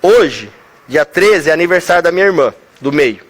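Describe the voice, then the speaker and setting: A man with a Brazilian Portuguese accent teaching communication in an energetic lecture, acting out little dialogues and asking rhetorical questions. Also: a little high, moderate pace. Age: adult, older sibling. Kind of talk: motivational lecture with acted examples.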